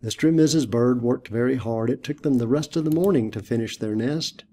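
A man reading a picture book aloud for a church storytime, then giving a short lesson, in a gentle, deliberate way. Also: mid-range voice.

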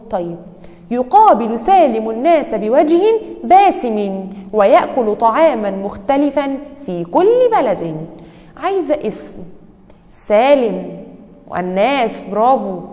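A woman with an Egyptian Arabic accent teaching young children an Arabic lesson, quizzing them and praising each answer with a quick "bravo". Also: fairly high pitch, dark tone, in a large hall. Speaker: primary school teacher.

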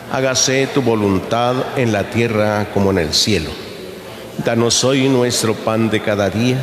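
A middle-aged man, a priest, reciting the Mass at the altar in a slow, measured, solemn way. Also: lowish voice. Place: church sanctuary, behind the altar. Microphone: fixed camera from across the altar. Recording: echoey church with long reverb.

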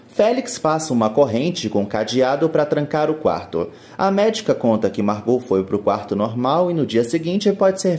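A Brazilian man narrates an episode recap from a studio voice-over mic. His voice is mellow and dark, but his delivery swings up and down with brisk storytelling energy. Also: medium pitch. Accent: Brazilian Portuguese. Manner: brisk storytelling with lively rises. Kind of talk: scripted narration.

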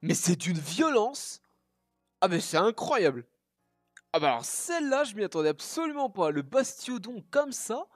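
A man recording a gaming reaction video, exclaiming loudly, swearing often and repeating his exclamations. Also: high voice, very animated, normal speed, no room sound, clean studio sound, soft background music. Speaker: gaming YouTuber. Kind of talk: excited reaction video commentary.

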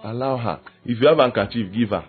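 A man, preaching a lively sermon on marriage and slipping into acted quotes of husbands and wives. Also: mid-range voice, quick pace. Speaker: pastor. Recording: tinny phone-like sound with faint music.

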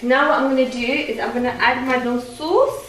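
A woman's voice: high-pitched, fairly even intonation, brisk, a bit bright. A young woman chatting upbeat and rambling to viewers while cooking in her home kitchen. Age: young adult. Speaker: vlogger. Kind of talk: casual cooking vlog. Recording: roomy kitchen echo, faint background music.

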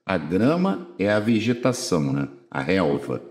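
Lively Brazilian man teaching grammar. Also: deep voice, reverberant. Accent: Brazilian Portuguese. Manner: informal and chatty, drawn-out words, frequent "né?" and "ó". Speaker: exam prep teacher. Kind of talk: casual spoken grammar lesson.

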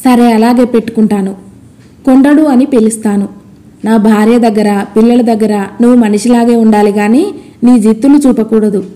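Stubborn male farmer, stern and proud; a woman narrator plays him, warm dark voice pitched a bit high. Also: steady tone, moderate pace, natural voice.

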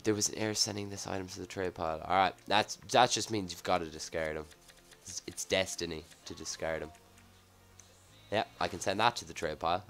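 A man with a low voice, a little husky from a cold, commentates live on a game pack opening. He talks casually, reacting offhand to each item as it shows up. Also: fairly bright tone. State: slightly sick, husky off voice from a cough. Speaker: gaming video host.

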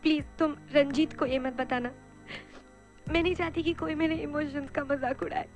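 An actress playing a shy, insecure young woman student who speaks softly and pleads, in film dialogue. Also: sits high, steady tone, normal speed, faint music behind, lightly acted. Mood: pleading.

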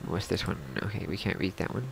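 Low-voiced man, nervous horror game streamer. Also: quick pace, creaky, heavy background noise. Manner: stumbles when reading aloud. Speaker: video game player. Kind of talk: horror game let's play commentary.

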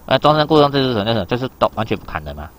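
Racing through an exam reading lesson, this Japanese teacher has a medium-pitched, slightly bright voice with big swings in pitch. His explanations are loose and chatty, and he repeatedly checks whether students follow him.

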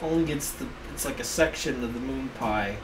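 A man co-hosting a video game playthrough, joking and bantering casually while he plays, often cursing and getting loudly excited. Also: mid-range voice, brisk, background noise. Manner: goofy, excitable, swears freely. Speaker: let's play co-host. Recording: distant voice over game music. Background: game music.

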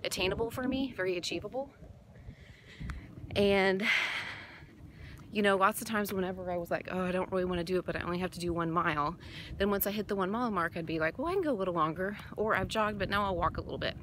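A woman's voice: medium pitch, quick pace, a bit bright. A woman in her thirties chatting in a casual vlog as she walks down a suburban street, sometimes stopping to hunt for the right word. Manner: chatty, searches for words mid-sentence; talking while walking. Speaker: vlogger. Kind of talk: casual walk-and-talk vlog. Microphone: phone held at arm's length, earbud mic. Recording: outdoor street noise, passing cars.

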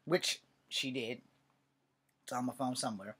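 Husky man, wry webcam monologue. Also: medium pitch, fairly even intonation, measured pace, bright, forceful tone. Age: 40s. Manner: wry, sarcastic, swears. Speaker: vlogger. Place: cluttered bedroom, indoors. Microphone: webcam at desk distance.

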